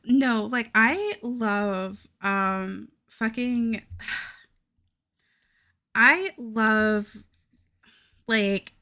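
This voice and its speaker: This young woman, Southern US accent and all, keeps up a rambling, casual chat while drawing on her live stream, with plenty of swearing and laughter. Her voice sits a little high and comes out pushed and bright.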